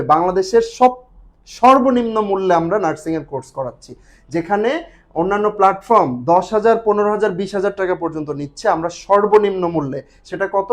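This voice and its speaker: A man's voice: sits high, darkish tone. A young man with a Bangladeshi accent teaching an exam prep class on a live stream. He explains step by step and keeps urging viewers to comment. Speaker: online admission test tutor.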